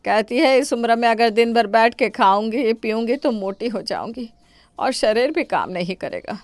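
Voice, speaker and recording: A woman's voice: fairly high pitch, no echo. A wailing, scheming mother-in-law. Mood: self-pitying. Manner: theatrical wailing and complaining. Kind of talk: animated story voice acting.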